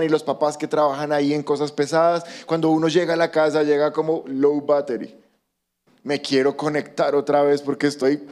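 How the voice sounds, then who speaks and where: A man preaching a sermon as pastor, animated and acting out quoted voices. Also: fairly high pitch.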